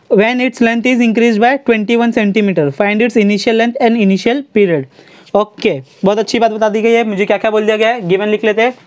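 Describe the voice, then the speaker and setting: A young woman teaching a physics exam-prep lesson online. She talks briskly, keeps asking if there is any problem, urges students to hurry, and slows down when she dictates formulas. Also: on the high side.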